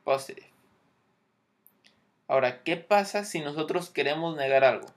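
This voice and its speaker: A man's voice: fairly high pitch, normal speed. A man teaching English grammar, explaining patiently and checking in often.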